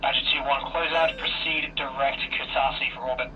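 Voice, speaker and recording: A man's voice: medium pitch, steady tone, fairly quick. Man calling instructions over a radio. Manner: clipped, procedural. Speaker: air traffic controller. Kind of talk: radio procedure calls. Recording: distant, muffled noisy radio.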